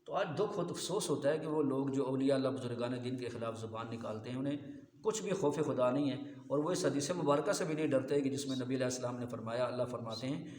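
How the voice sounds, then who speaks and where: A man's voice: mid-range voice, darkish tone, slight background noise. Echoey-voiced male preacher. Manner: rhetorical, often asks listeners if they understand. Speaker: Islamic preacher. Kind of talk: sermon. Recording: echoey hall reverb.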